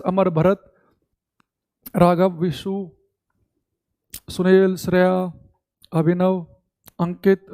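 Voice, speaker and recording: Teaching live online, this man speaks casually in a warm, high voice and addresses his students as "bhai." Key definitions come slowly and more than once, paced for dictation. He slips into exasperation over the students' complaints about audio.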